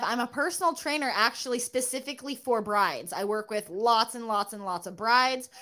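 A woman in her twenties, a guest on a podcast, chatting casually, laughing easily and chiming in with quick agreement. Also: on the high side, pushed and bright. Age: 20s. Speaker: podcast guest, personal trainer.

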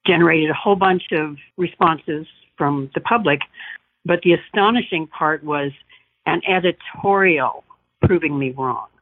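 A woman's voice: deep voice, measured pace, no room sound. A woman calling in to a radio talk show on speakerphone, speaking earnestly as a state director of an advocacy group. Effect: on speakerphone over a phone line. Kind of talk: call-in chat. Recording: tinny, dry speakerphone call.

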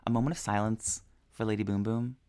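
A woman's voice: a bass voice, fairly even intonation, fairly quick, mellow, clean tone. A woman co-hosting a podcast in casual chat, playful and theatrical, joking and swearing for laughs. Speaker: podcast co-host.

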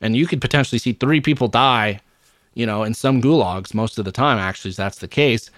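A man's voice: medium pitch, brisk, a bit bright, no echo, clean studio sound. A man co-hosting a gaming podcast, talking bluntly and opinionated with plenty of swearing. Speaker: podcast co-host. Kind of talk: casual gaming podcast chat.

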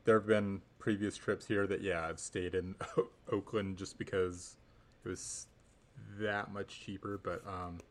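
Slightly low-voiced man, halting sports talk. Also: little pitch movement. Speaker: sports podcast co-host. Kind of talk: casual sports analysis.

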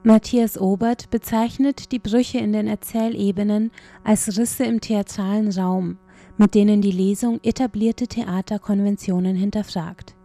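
A woman's voice: medium pitch, steady tone, a little slow, warm tone, faint music behind. A woman reading a scripted cultural report as a radio reporter.

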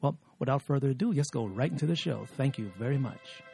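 A middle-aged man hosting a podcast from an office studio, chatty and lively, with many fillers as he talks to his guest. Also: medium pitch, fast talker, vocal fry, soft background music. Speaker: podcast host.

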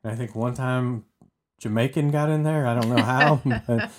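A man's voice: mid-range voice, moderate pace. A man co-hosting a casual true-crime podcast, chatty and often repeating words as he restarts. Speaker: podcast co-host telling the story.

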